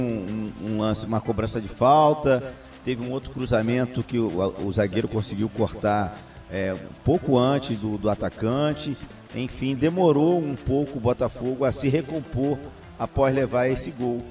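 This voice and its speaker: A Brazilian man comments on a football match in a dark, relaxed voice of medium pitch. His delivery is halting, and he sounds away from the microphone with music in the background. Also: recorded from a distance.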